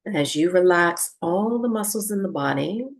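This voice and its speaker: A breathwork teacher, a woman, guides listeners through relaxation gently and without hurry, leaving long pauses between phrases. Her voice sits fairly low and is animated.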